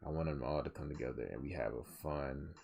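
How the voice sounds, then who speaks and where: Very deep gravelly tired man. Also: fast, darkish tone, highs cut off. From southwest Georgia, US. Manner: earnest, preachy, rambling with many restarts. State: tired, yawning. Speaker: podcast host. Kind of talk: solo podcast monologue.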